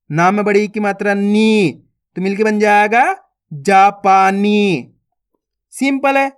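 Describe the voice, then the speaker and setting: A man teaching Hindi reading in an online phonics lesson. He sounds out each syllable one by one, then stretches out the joined word, and coaxes viewers as his friends. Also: sits high. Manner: addresses viewers as friends, coaxing and repetitive.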